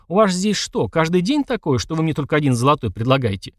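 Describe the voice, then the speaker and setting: Brief: male narrator doing a cheeky teen girl, brash and teasing, lively lilt, dry close sound. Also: on the high side, fast, dry recording, pitched above the performer's own voice. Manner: brash, mocking. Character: bold cheeky teenage girl, sister.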